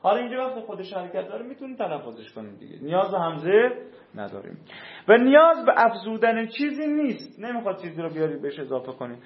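A man's voice: high-pitched, wildly swooping pitch. A man teaching a grammar class. He reads a rule aloud, then explains it in casual speech and puts questions to his students. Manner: asks the class questions and answers them. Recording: echoey room, dull lo-fi sound.

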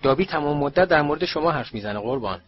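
A man voicing a timid, fretful female house-elf servant with a high squeaky voice and anxious, deferential manner, in a lo-fi audiobook recording. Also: lively intonation, slightly rough. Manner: anxious, deferential, keeps saying sir.

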